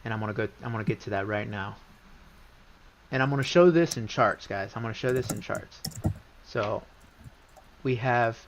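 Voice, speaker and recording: A man hosting a live trading stream, talking casually through charts, rambling with many restarts and bursts of excitement. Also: fairly low pitch, moderate pace, long pauses, slight background noise. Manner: rambling, restarts often, gets excited and repeats himself. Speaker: livestream trading host. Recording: slightly dull lo-fi stream audio.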